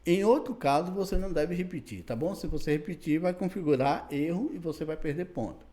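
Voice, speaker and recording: A man's voice: on the high side, fairly quick, dark tone. A man teaching a grammar lesson, spelling out letters and checking in with "né" and "tá bom". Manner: explanatory, repeats "né" and "tá bom" to check understanding.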